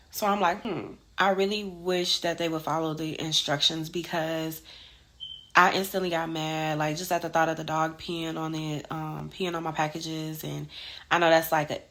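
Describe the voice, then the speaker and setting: Woman vlogger, lower voice, casual talk turning to heated, cursing rants. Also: a bit bright. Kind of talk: casual chat.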